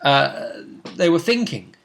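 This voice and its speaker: Recapping a tabletop role-playing session, a male game master chats casually, explaining what happened and nudging his partner with rhetorical questions. His voice is gravelly, expressive, slow and on the high side.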